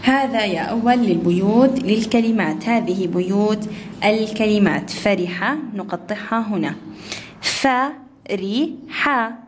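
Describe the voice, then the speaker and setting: A woman teaching young children to read, sounding words out slowly syllable by syllable. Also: medium pitch, darkish tone, a little hiss or hum. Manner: slow, drawn-out syllable-by-syllable reading. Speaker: first-grade Arabic teacher. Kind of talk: online class lesson.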